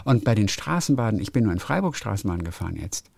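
A man's voice: on the low side, big pitch swings, fast, creaky, a little mellow, no echo. A middle-aged man and radio host, chatting casually on a phone call in a playful, hesitant way. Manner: playful, hesitant, restarts words.

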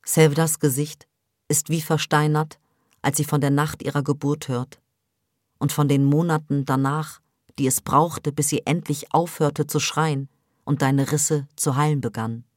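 A woman reading a novel aloud for a radio program in measured, intense narration, recorded in a studio. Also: deep voice, steady tone, darkish tone, no echo. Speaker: reader. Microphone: studio microphone.

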